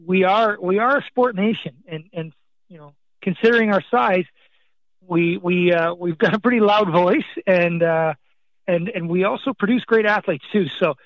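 Born in Scotland and raised in Canada, a soccer league executive answers radio interview questions haltingly, repeating words and restarting with many fillers. His voice is high-pitched, coming over a dull, dry remote line with no room sound.

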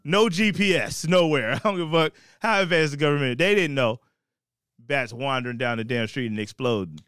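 Laughing, smooth-voiced male co-host. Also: medium pitch, fairly quick, fairly bright tone, no echo. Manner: loose, laughing, profane storytelling. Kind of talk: comedic podcast banter.

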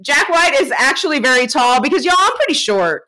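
A woman co-hosting a podcast, telling a story in a casual, animated way, laughing often and swearing freely. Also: high voice, a little fast. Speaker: podcast co-host.

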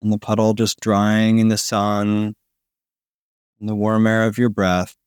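A man narrating a guided sleep meditation in a slow, soothing manner with long pauses, like a sleep story narrator. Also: lowish voice, monotone, darkish tone, smooth, no echo, studio quality. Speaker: podcast host guiding a sleep meditation.

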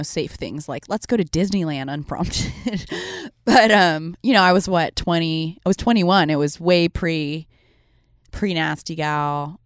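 A woman's voice: low voice, no room sound, studio quality. A woman in her thirties, a podcast guest, talking animatedly and laughing at her younger self. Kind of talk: casual chat.

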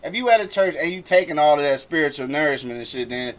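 A man's voice: fairly high pitch, expressive, fast talker. A man talking casually in a group discussion, using informal, profane slang.

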